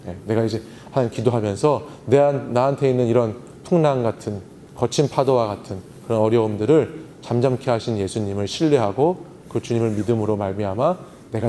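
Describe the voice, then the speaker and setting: Pastor teaching in a reverberant hall. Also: male voice, medium pitch, mellow, slight background noise. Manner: teacherly, asks the audience questions and answers himself. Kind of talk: seminar talk on Bible meditation. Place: church hall at a youth retreat. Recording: long hall reverb, faint ambience.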